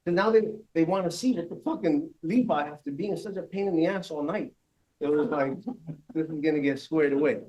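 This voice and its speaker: A man telling a crude story on stage, profane and animated, laughing as he goes. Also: a little high, brisk, low-quality recording. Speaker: live storyteller. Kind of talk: live storytelling.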